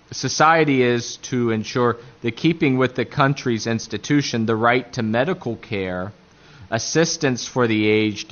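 A man with an Appalachian accent giving a religious lecture point by point, haltingly searching for words. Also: medium pitch, a bit bright, lo-fi sound. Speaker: catechism teacher.

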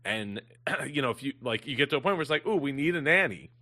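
A man hosting a casual Q&A on a video call, speaking haltingly and restarting his sentences often. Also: medium pitch, animated, pushed and bright. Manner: halting, many fillers and restarts. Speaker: host.

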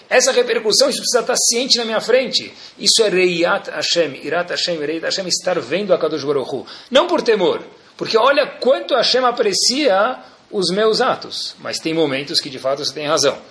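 A Brazilian man gives a religious lecture in a bright, lively voice. His pitch sits a little high and roams widely as he questions his listeners and teases them with humor. He sounds like an engaged teacher working a room. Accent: Brazilian Portuguese. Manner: animated, asks rhetorical questions, jokes with the audience. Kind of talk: Torah class lecture.

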